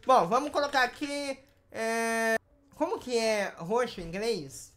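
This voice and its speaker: A woman's voice: fairly high pitch, unhurried, a bit bright. A woman with a Brazilian Portuguese accent, streaming a game and bossily scolding the players in a training she runs. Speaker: Roblox streamer running a rank training. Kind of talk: live gameplay commentary.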